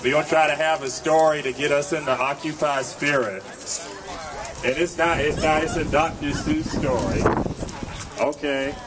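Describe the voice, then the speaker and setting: A middle-aged man with a slightly high voice reads a rhyming children's story live at a public storytime in a park, delivering it in a deliberate, measured way. He speaks into a stand microphone, but a nearby camera captures the audio from a distance, so wind and traffic make it noisy.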